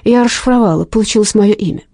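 A woman voicing a frightened, sharp-tongued young female detective in an audiobook, talking raised and defensive. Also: mid-range voice, fast, no echo, clean studio sound, close to an everyday voice. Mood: panicked, snapping. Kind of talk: audiobook character reading.

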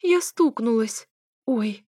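A woman reader putting on a bubbly young girlfriend who squeals and chirps, her voice pitched up high and pushed loud. The recording is dry and close. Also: lively intonation, takes it slowly, slightly rough, dry recording, heavily acted.

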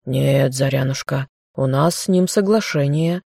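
A woman's voice: rumbling low, unhurried, gravelly, a little mellow, no echo, studio quality, heavily acted. A woman voicing a smug, scheming young man who coaxes and taunts the girl he captured. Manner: smirking, coaxing.

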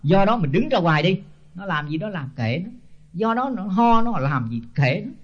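A man's voice: high-pitched, sing-song, normal speed. An older man, a senior Buddhist monk giving a blunt, scolding sermon full of rhetorical questions. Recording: dull lo-fi tape.

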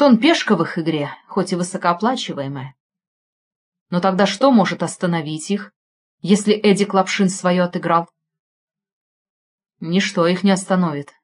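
Woman reading a crime audiobook, steady and expressive. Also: mid-range voice. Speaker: audiobook narrator. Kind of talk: scripted narration.

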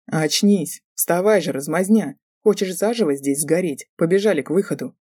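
A woman voicing a gruff, impatient male drow professor who barks curt commands. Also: fairly low pitch, moderate pace, dark tone, no echo, studio quality.

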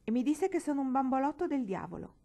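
A woman's voice: high-pitched, big pitch swings, fast, warm tone, pitched above the performer's own voice. A woman voicing an indignant, quarrelsome young boy in a storybook reading, with an aggrieved, complaining manner.

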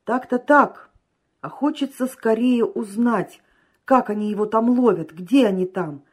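A woman reading an audiobook, voicing an excitable, impatient merchant man who exclaims loudly. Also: fairly high pitch, a little slow, breathy edge. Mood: agitated. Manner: loud exclamations, raised voice.

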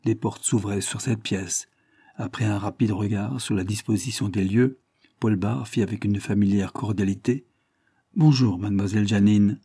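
A man reading a novel aloud with steady, measured narration. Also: on the low side, husky, dry recording, clean studio sound.

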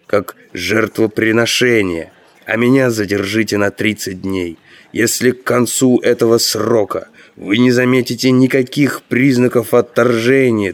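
A man's voice: on the low side, lightly acted. A man reading a humble, persuasive young stranger. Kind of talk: audiobook narration.

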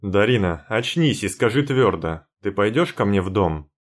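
A man's voice: on the low side, lively intonation, normal speed. A man voicing a menacing young man who barks his demands harshly. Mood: demanding. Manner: harsh, barking, sour.

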